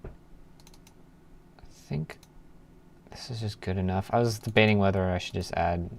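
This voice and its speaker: During a casual coding livestream, a man thinks out loud, muttering to himself and letting his sentences trail off. His voice is low and moderately paced, and keyboard typing can be heard over clear background noise.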